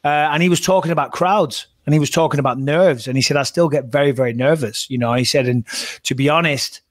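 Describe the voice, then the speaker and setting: A man co-hosting a fight podcast, telling stories in an animated, profane way. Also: fairly high pitch, quick pace. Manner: animated storytelling, heavy swearing. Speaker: podcast co-host and fight commentator. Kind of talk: casual podcast chat.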